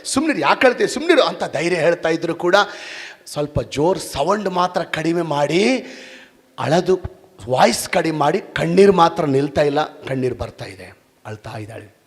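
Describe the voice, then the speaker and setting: A male pastor preaching a sermon, fervent and shouting, with repeated exclamations. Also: fairly high pitch, a little slow. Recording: long reverb in a hall.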